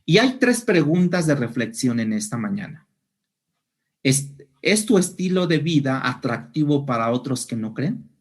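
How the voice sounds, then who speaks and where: A man's voice: medium pitch, sing-song, measured pace. A man preaching a sermon, explaining scripture and asking the congregation questions. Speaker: pastor.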